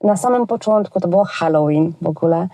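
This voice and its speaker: Chatty warm-voiced Polish woman. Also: lowish voice, a little fast, no echo. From Poland. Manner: chatty and colloquial, frequent hesitations. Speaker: children's entertainer, guest. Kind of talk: casual interview chat.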